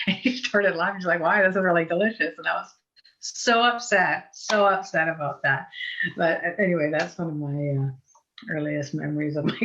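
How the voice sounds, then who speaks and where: A woman's voice: sits low, fairly bright tone. A woman from Eastern Europe giving an informal, chatty talk as a guest herbalist, often restarting her sentences. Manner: chatty, digressive, many restarts. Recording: muffled online call audio.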